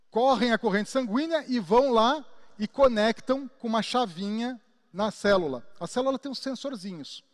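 A man with a Brazilian Portuguese accent teaching a class, animated, acting out examples and asking his listeners questions. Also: high-pitched, big-room sound. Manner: animated, acts out examples and asks the audience questions. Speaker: instructor. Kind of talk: lecture to a class.

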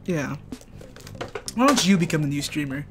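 A man streaming a video game live, joking around with a co-player in a playful, excitable way. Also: a little high, normal speed, over music. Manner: playful and excitable, jumping into squeals and gasps. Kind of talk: casual live-stream banter.

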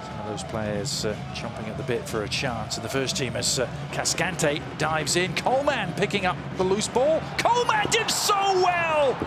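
A man's voice: mid-range voice, normal speed, few pauses, loud music behind the voice. A man giving live play-by-play football commentary. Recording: loud stadium crowd noise. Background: stadium crowd.

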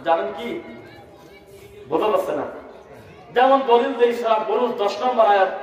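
A man with a Bangladeshi Bengali accent preaching to a crowd, asking them to answer back and chanting verses in a slow melodic recitation. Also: sits high, muffled recording. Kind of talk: sermon at a religious gathering. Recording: very echoey hall, speaker far from mic.

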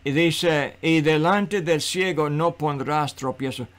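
A man's voice: on the high side, slow. A man preaching a sermon in an earnest, repetitive style, building emphasis.

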